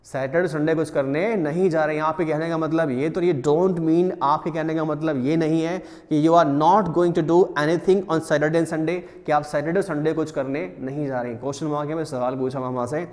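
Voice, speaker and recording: Guy teaching an english play in hindi, slow drawn-out reading, highish voice, lots of echo. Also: fairly even intonation, a little mellow. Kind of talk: reading a play aloud and explaining it line by line.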